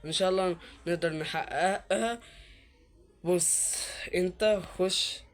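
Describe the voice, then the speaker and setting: A man with an Egyptian Arabic accent doing casual gameplay commentary. He is chatty and excitable, talks straight to his viewers, and repeats words under his breath while he searches. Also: high-pitched, unhurried. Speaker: gaming YouTuber.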